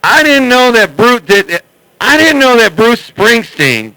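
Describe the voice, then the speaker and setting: A man's voice: very high voice, sing-song, slow pace, noisy background. A man in casual radio chat as a CB operator, rambling along in a blunt, salty way. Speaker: CB radio operator who records and uploads chats.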